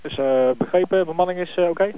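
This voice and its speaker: A man's voice: high-pitched, quick pace. A man working as a coast guard radio operator, using formal call-and-confirm radio procedure with frequent hesitations, heard through a crackly radio transmission. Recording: tinny radio with static hiss.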